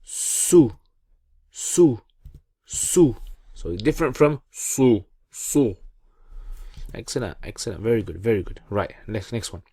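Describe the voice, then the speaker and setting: A man teaching pronunciation in a call-and-repeat lesson, encouraging and deliberate as he repeats sounds for learners. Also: lowish voice, dark tone, slightly rough, no echo, clean studio sound. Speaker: Quran reading teacher.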